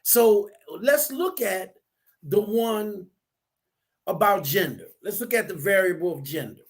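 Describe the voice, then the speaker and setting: A man's voice: sits high, a little slow, slightly rough. A man talking earnestly and explaining his ideas, often restarting and repeating words. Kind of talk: casual discussion.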